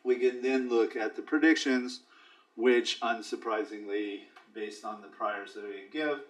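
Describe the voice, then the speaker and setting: A man's voice: on the low side, a little slow, distant mic. A man giving a statistics class lecture, explaining step by step with dry asides. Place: lecture hall. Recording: echoey classroom recorded from afar.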